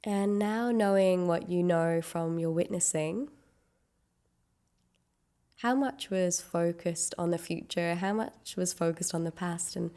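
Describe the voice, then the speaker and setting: Gentle, unhurried meditation instructions come from a woman with a lowish voice. She leaves long pauses between her guidance.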